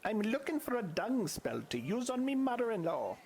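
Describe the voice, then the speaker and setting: A man's voice: high voice, big pitch swings, moderate pace. A man voicing a cheeky male peasant in a homemade game, with a put-on accent and a nasal tone. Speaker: game voice actor. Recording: bad mic with crowd noise.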